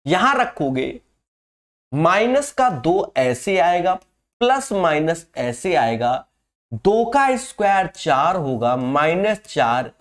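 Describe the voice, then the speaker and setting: A man teaching a maths lesson for exam prep with a nasal voice from a cold, chatty, and calling his students his friends. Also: on the high side. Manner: chatty, calls students "my friend", slips into English phrases. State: has a cold and fever.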